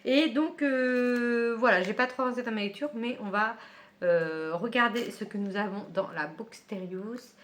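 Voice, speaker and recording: A woman's voice: fairly high pitch, measured pace, a bit bright. A woman book vlogger chatting casually at home while she unboxes a book subscription box, with many fillers and small laughs.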